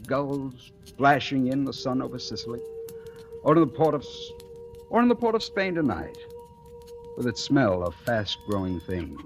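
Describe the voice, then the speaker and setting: A male lead actor and narrator, with a natural mid-range voice, plays a proud, romantic wandering painter, thoughtful and defiant, in 1940s radio drama style. He sounds impassioned, speaking in measured, poetic, literate phrases on an old radio recording with music.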